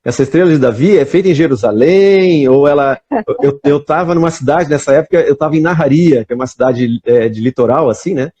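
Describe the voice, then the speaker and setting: A man's voice: a little high, brisk, mellow, breathy edge, lo-fi sound. A man with a Brazilian accent chatting on a live video call, rambling and tossing in frequent "né?" as he tells stories. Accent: Brazilian Portuguese. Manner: rambling storyteller, many restarts and "né?". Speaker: guest. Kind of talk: casual chat on a live stream.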